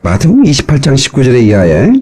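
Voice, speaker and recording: A male pastor preaching a sermon to his congregation, lively and folksy, often asking them for a response, heard from an old cassette tape recording. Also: mid-range voice, fast talker, slightly rough. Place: church sanctuary.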